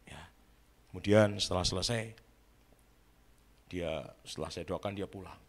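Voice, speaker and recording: Low-voiced man preaching dramatically. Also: moderate pace. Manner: dramatic, often addresses listeners as brothers and sisters. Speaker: pastor. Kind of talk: storytelling sermon.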